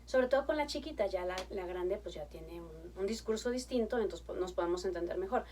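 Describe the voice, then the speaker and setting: A woman in her thirties, a family therapist, giving conversational parenting advice, lively and acting out chats with her children. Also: lowish voice, brisk, husky, recorded from a distance. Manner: animated, acts out chats with her kids in a bright coaxing tone.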